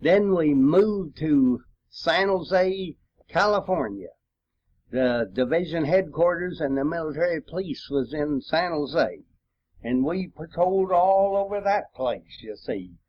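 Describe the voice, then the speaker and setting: A man's voice: on the high side, expressive. An elderly man with a rural American accent, a war veteran reminiscing informally in a folksy, rambling way. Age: 80s or older. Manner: folksy, rambling storytelling with frequent throat-clearing pauses. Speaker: war veteran telling his memories. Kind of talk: informal oral-history reminiscence. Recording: dull, lo-fi home recording.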